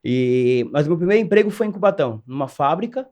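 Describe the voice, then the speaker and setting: A man in his forties from São Paulo. He tells his story quickly and with animation. His voice sits a bit high. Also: lively intonation, dark tone. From São Paulo, Brazil. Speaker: guest, cybersecurity executive. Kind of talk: casual interview storytelling.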